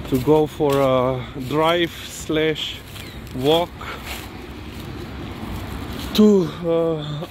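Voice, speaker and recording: A man casually narrating a walk with his dog outdoors on city streets, rambling and unhurried, with many fillers and restarts. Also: fairly high pitch. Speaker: dog owner vlogging a walk. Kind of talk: casual narration while walking. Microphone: handheld or body camera. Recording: noisy outdoor street recording. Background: traffic and street noise.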